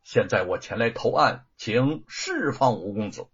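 A man voicing a proud, defiant young woman avenger who speaks in sharp, indignant declarations. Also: mid-range voice, wildly swooping pitch, measured pace, breathy edge, lo-fi sound, exaggerated voice.

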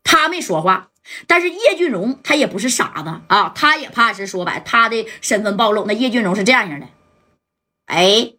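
A woman's voice: mid-range voice, expressive, moderate pace, pushed and bright. A woman narrating a gangster story in a chatty, colloquial way with rhetorical asides and stammered restarts.

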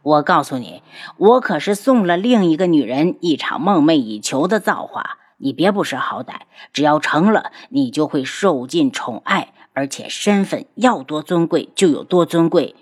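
A woman's voice: deep voice, expressive, moderate pace, slightly rough. A woman doing a cold, cruel villain doctor. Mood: menacing. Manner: menacing, sneering threats.

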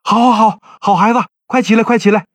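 An earnest younger brother with a quick temper, voiced by a male storyteller. His voice swings widely in pitch and sounds dry and close. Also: sing-song, slightly rough, no echo. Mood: delighted. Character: loyal younger brother, indignant and warm.

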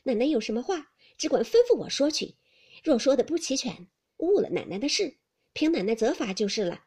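女声演绎的伶俐能干的小丫鬟. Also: female voice, high voice, expressive, a little mellow, breathy edge. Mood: eager. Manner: quick, eager, talks back pertly. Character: clever, eager young maid.

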